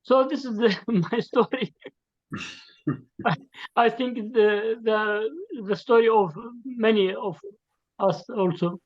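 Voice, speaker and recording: This man has a high voice and talks slowly with many hesitations and filler words, laughing along the way. He is a Kurdish-speaking participant from Syria chatting casually on a video call with lo-fi sound.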